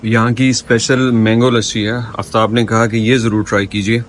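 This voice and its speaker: A man in his thirties with a Pakistani accent films himself as a travel vlogger, chatting casually to viewers with his phone held at arm's length. His voice is lowish with little pitch movement and normal speed. He moves through a busy restaurant and an open train station, with noisy restaurant and street ambience around him.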